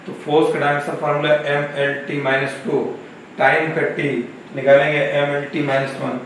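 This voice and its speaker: A male physics teacher with a Marathi-influenced Hindi accent giving a slow, repetitive classroom lecture, asking questions and answering them himself. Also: a little high, level tone, a bit bright. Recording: echoey classroom, camera far off, faint noise.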